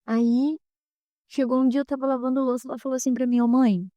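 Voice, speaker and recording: Middle-aged woman, mother giving a testimony, earnest storytelling, acts out dialogue, fairly high voice, dry close sound. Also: little pitch movement, fast talker, no echo, dull audio. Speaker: mother and housewife sharing a testimony. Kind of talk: personal faith testimony on a podcast.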